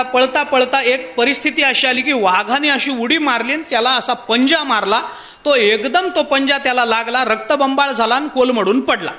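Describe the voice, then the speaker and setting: A man giving a devotional discourse, telling a parable and putting rhetorical questions to his listeners. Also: very high-pitched. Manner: poses rhetorical questions to the audience; animated storytelling with parable. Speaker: spiritual discourse speaker.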